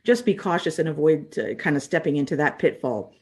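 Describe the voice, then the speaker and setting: A woman's voice: sits low, lively intonation, fairly quick, darkish tone, breathy edge. A woman born in the United States, a refugee services trainer, giving a training talk in an earnest, conversational way with many fillers.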